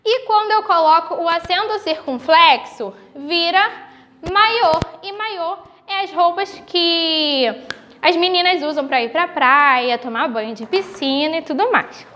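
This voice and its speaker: A woman with a Brazilian Portuguese accent, teaching young children in a recorded video lesson, slowly stretching out the example words. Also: very high voice, bright, forceful tone, a little hiss or hum. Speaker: primary school teacher.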